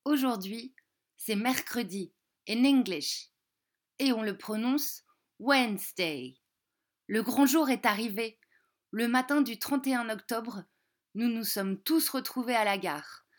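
Female children's narrator, clear articulation, unhurried, pitched a little high. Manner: clear, slow, carefully articulated. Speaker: narrator and English teacher for children. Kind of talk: children's storybook narration with pronunciation lessons.

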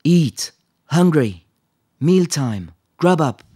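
A man voicing a frightened, worn-out soldier in his thirties who speaks in short, flat, almost childlike words. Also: on the high side, drawn-out words, breathy edge, dry recording, studio quality, pitched above the performer's own voice, exaggerated voice. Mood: pleading.

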